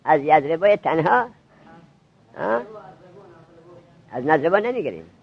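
A man teaching a classroom grammar lesson to seminary students, drilling them with quick questions. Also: a little high, big pitch swings, gravelly, muffled recording.

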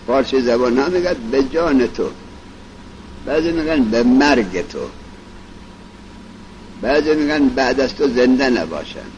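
Male grammar teacher, casual lecture delivery with a lively, swooping pitch, on a dull lo-fi recording. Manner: explains in plain speech, reciting Arabic examples slowly. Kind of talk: colloquial classroom lecture. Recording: dull lo-fi recording with faint vehicle noise.

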